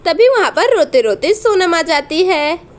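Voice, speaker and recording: High-voiced woman narrating a doll story. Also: big pitch swings, measured pace.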